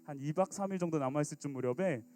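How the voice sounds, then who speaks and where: A man's voice: racing, faint music behind. A man in his thirties preaching a youth sermon as pastor, acting out sulky teens and quoted lines with big swings in his voice. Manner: animated, acts out teen sulking and quotes with big pitch jumps.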